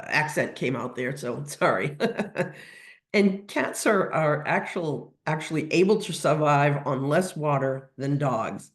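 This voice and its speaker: Webinar lecture, veterinary technician, has a cold, slow explanatory delivery, roomy echo. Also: mid-range voice. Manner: explanatory, with frequent ums and restarts.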